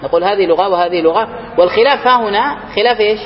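A man teaching a grammar class, reading a text aloud slowly and then explaining it and questioning his students. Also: big-room sound, lo-fi sound. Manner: reads quoted lines slowly and higher, then explains and quizzes students.

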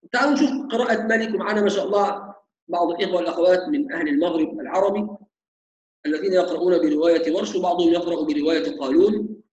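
A man teaching Quran recitation, slowly demonstrating sounds and repeating them. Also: sits high, echoey room, low-quality recording. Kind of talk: tajweed lesson.

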